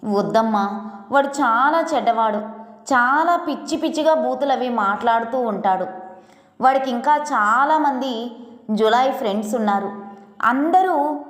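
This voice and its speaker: A scared teenage girl, upset and pleading through tears, as a woman storyteller puts her on. The voice sits fairly high, and long reverb rings around it in an echoey room. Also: measured pace, pauses often, lightly acted. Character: frightened tearful schoolgirl daughter.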